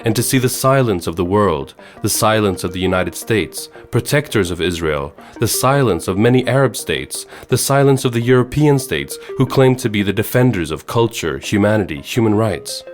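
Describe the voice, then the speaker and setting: A man from Sweden hosting a podcast, giving measured, earnest scripted narration. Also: lowish voice, animated, faint music behind. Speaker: podcast host.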